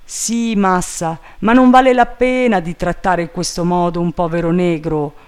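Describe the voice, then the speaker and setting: A man voicing an eager, simple-minded male servant calling down from a tree, in a high, drawling, plaintive voice. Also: fairly even intonation, measured pace, smooth.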